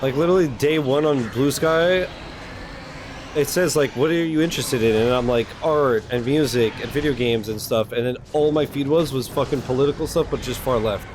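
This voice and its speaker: Over game music and some background noise, a man streams himself reacting to a game, chatting casually in a blunt, slangy way and swearing freely. His voice is medium-pitched and moves at a normal speed.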